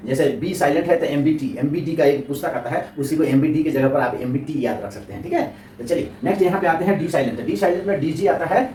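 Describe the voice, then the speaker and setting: A man's voice: fairly high pitch, darkish tone. A man explaining an English lesson, asking and answering his own questions and repeating each point. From India. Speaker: English teacher. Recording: roomy echo, distant mic, faint noise.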